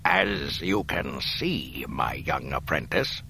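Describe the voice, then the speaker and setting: A man doing the Emperor, slow and sinister. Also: extremely low pitch, lively intonation, sharp tone, slight background noise, pitched below the performer's own voice, full character voice. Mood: gloating. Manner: slow, drawn-out menacing delivery. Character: sinister old male emperor, cold and gloating.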